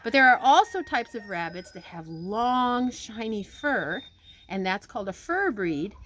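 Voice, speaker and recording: Patient farm educator woman, higher voice. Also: big pitch swings, measured pace, a bit bright, dry recording. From grew up on a farm. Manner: patient, explaining step by step.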